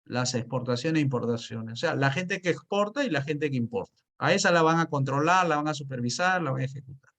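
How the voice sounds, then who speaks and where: A man's voice: a little high, lively intonation, fairly quick, a bit bright. A man teaching an economics class, asking himself questions and answering them, with frequent hesitations and restarts. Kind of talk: spoken lecture.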